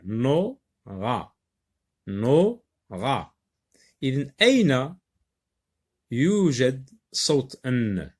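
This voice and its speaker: A man's voice: fairly high pitch, darkish tone. A man with a Moroccan accent teaching a phonics lesson to children, sounding out words syllable by syllable and moving between French and Arabic. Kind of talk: phonics lesson for young learners.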